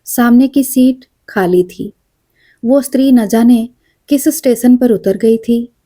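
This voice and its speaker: A woman narrating a short story as an audiobook, measured and quiet. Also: fairly high pitch.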